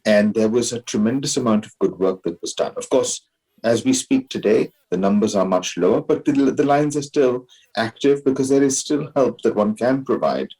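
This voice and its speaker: A man with an educated, posh Indian English accent giving measured, deliberate explanations as an interview guest. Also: medium pitch, animated, warm tone, breathy edge, rough recording. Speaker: interview guest, alumni society president.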